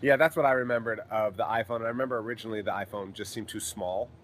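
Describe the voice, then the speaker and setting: A man hosting a casual podcast, a stand-up comic who talks in a relaxed way with lots of "uh" fillers. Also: fairly low pitch, very fast.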